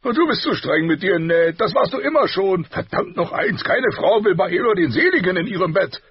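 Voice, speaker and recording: A man voicing a boisterous, bawdy middle-aged king who talks loudly and heartily. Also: high-pitched, big pitch swings, normal speed, slightly rough, dry recording, highs cut off, voice pushed up, full character voice. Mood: teasing. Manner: loud, hearty, laughing, boastful.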